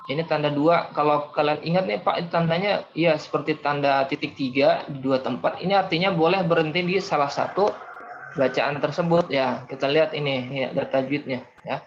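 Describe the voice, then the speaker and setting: A man's voice: on the high side, normal speed, a little hiss or hum. A young man teaching a class, patiently explaining step by step and calling on students. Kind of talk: online class lesson. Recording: dull lo-fi audio.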